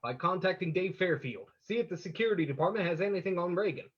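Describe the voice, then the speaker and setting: A male actor with a high voice plays a calm, decisive detective hero in an old-time radio drama, sounding brisk, authoritative, and commanding. The recording is dull, with slight background noise.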